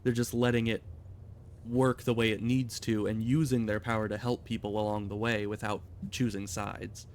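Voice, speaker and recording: A man's voice: lowish voice, little pitch movement, moderate pace, slight background noise. A man streaming a game, chatting casually and rambling as he thinks aloud. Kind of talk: casual gameplay commentary.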